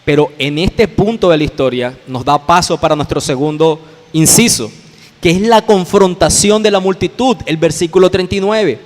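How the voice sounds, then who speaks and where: Colombian male pastor, high-pitched sermon delivery, explains and repeats for emphasis, echoing church hall. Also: normal speed. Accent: Colombian Spanish. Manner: explanatory, addresses listeners directly, repeats phrases for emphasis. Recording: long reverb of a church hall.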